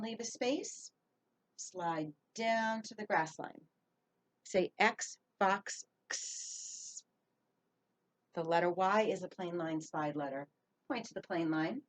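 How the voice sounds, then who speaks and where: A woman teacher leads young children through reading sentences and skywriting letters. She speaks slowly and clearly at a middle pitch, drawing out each word. Her tone stays encouraging throughout the video lesson. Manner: slow, clear, encouraging, drawn-out words.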